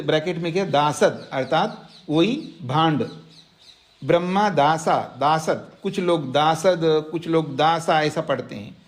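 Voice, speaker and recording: A man teaching a scripture class, reciting Sanskrit verses and explaining them line by line, repeating phrases so students can write them down. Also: a little high. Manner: slow, repeats phrases for dictation. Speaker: Vedanta teacher. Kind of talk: scripture lecture. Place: ashram class.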